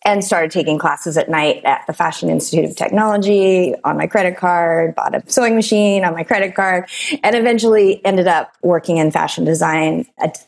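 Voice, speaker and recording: A woman's voice: lowish voice, moderate pace, vocal fry. A woman in her forties, a yoga teacher and author, talking casually as an interview guest, with lots of fillers and the odd short laugh. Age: 40s.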